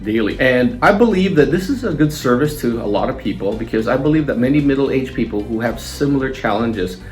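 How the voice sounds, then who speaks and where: A man's voice: medium pitch, animated, a little fast, faint music behind. A man in his fifties, a small business owner, talking casually and earnestly to camera in his vlog, rambling a little with restarts. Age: 50s.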